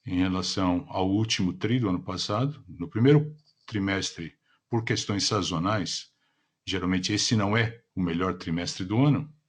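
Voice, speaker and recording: A man with a Brazilian accent and a somewhat deep, husky voice interprets live. His delivery is that of a formal business presentation. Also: fairly bright tone. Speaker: simultaneous interpreter.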